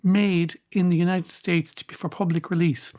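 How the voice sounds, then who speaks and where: A woman's voice: fairly low pitch, steady tone, normal speed, warm tone. A woman hosting a music podcast, chatting casually between songs with frequent ums and restarts.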